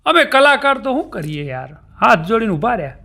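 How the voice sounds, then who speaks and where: High bright Gujarati stand-up comic. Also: male voice, sing-song, fairly quick, gravelly. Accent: North Gujarat Gujarati. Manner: storytelling, acting out wives, maids and bosses in his own voice. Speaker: stand-up comedian. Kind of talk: live stand-up joke telling.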